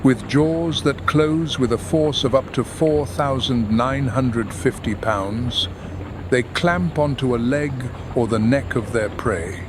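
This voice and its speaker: A man narrating a scripted nature documentary in a measured, dramatic delivery. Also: medium pitch, background noise. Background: background music.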